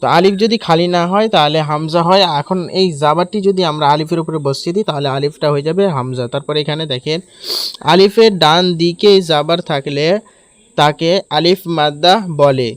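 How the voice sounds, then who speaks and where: A Bangladeshi Bengali man leads a Quran reading lesson, slowly spelling out each letter and drawing out its vowel. His voice sits a little high and sounds smooth and clear. The recording is close and dry. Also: dry recording. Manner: slow drawn-out syllables when reciting, quick explanations between.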